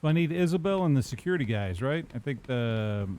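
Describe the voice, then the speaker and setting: Mid-pitched man casually joking through a game. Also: lively intonation, a little fast, a little mellow, slight background noise. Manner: offhand, crude, wisecracking. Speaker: let's player.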